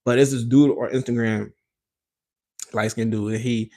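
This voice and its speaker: A man hosting a podcast, talking casually in a rambling, animated way with slangy asides and quoted voices. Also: medium pitch, normal speed. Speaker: podcast host. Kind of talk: casual solo podcast chat.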